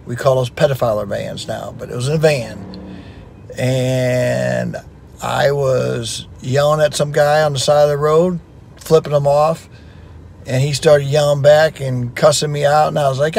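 A man's voice: mid-range voice, steady tone, measured pace, gravelly, a little mellow, slight background noise. A man telling a funny family story about his mother, wry and teasing. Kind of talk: casual joking anecdote.

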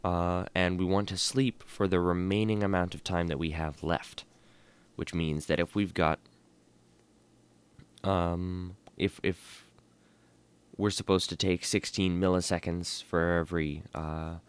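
Tired guy doing a coding tutorial at his desk mic, low voice, smooth, lots of ums while he reads out code. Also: flat delivery. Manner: thinks aloud, many fillers, reads code out slowly. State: tired and yawning. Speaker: programming tutorial host. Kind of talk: casual screen-recorded coding lesson.

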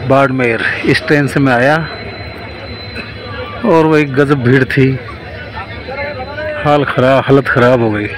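A man's voice: medium pitch, takes it slowly, long pauses, noisy background. A middle-aged man vlogging a train trip in a chatty way, filmed on a handheld phone at a busy railway station. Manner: chatty, addresses viewers as friends. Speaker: travel vlogger. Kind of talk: casual travel vlog narration. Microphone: handheld phone at arm's length.

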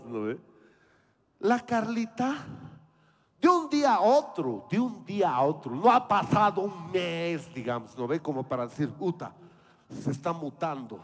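A man, telling a comedy story on stage and acting out the voices. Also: on the high side. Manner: animated, acts out voices. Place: outdoor fair stage.

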